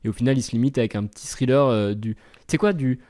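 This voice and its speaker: A man's voice: medium pitch, fast talker, mellow. A young man co-hosting a casual film podcast, reading press reviews aloud and picking them apart with sardonic asides. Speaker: co-host film critic.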